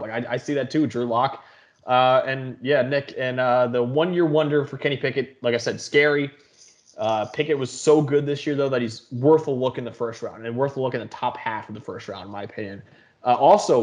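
Man hosting a football chat. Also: medium pitch. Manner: leads the discussion, asks for takes. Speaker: podcast host. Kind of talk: casual sports talk.

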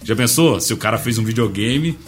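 A man chatting casually as a podcast co-host, laid-back and slangy, often trailing off quietly. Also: mid-range voice, lively intonation, brisk, faint music behind. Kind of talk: casual chat.

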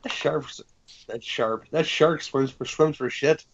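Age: adult. Sex: man. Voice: gravelly, mid-pitched. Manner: wisecracking, crude jokes. Style: casual chat while watching a movie. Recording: dull, lo-fi. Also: takes it slowly, slight background noise.

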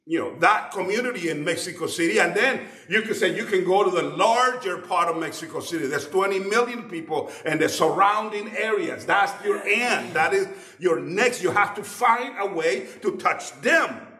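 A man's voice: high-pitched, expressive, normal speed, few pauses, bright, forceful tone. A man preaching a sermon with emphasis, prompting a reader to go on between points. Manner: emphatic, calls out to a scripture reader. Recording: echoey church hall.

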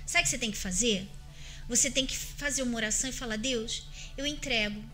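Earnest Brazilian woman, high bright voice. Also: fast talker, soft background music. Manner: earnest, emphatic, addresses listeners directly. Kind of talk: faith-based advice chat.

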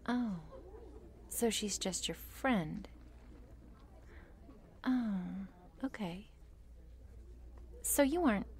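This is a shy, meek cheerleader with a crush, acted by a woman in an intimate ASMR role-play. She speaks slowly and haltingly, slipping between creaky murmurs and breathy speaks softly. Her manner is nervous, self-deprecating and apologetic. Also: fairly high pitch, exaggerated voice. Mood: shy, hesitant.

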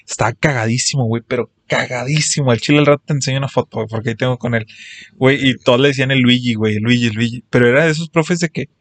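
A man's voice: medium pitch, racing. A young man with a Mexican accent, telling crude school stories in casual chat and acting out the voices of people in them. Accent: Mexican Spanish. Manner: crude slang-heavy storytelling, acts out quoted voices.

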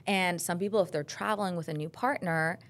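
Low-voiced woman doctor explaining plainly. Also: a little fast. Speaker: naturopathic doctor guest. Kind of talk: casual interview chat.

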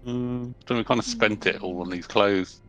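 Male player at a tabletop game, slightly deep voice, relaxed casual role-play talk. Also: moderate pace, faint music behind, low-quality recording.

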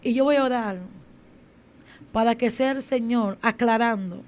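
A woman's voice: fairly high pitch, measured pace, slight background noise. A woman preacher delivering a sermon and then a fervent, building prayer. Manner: fervent, builds to loud intercession.

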